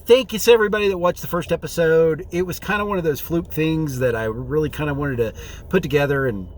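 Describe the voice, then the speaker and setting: A man's voice: fairly high pitch, quick pace, slight background noise. A man chatting casually and rambling through a vlog, recorded on a phone from inside a car. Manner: rambling, informal. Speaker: vlogger. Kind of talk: casual vlog chat, thinking aloud. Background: faint vehicle ambience.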